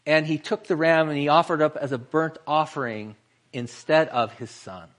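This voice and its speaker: A man preaching a sermon in an earnest way, slowing down and pausing for emphasis. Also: a little high, fairly bright tone. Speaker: pastor.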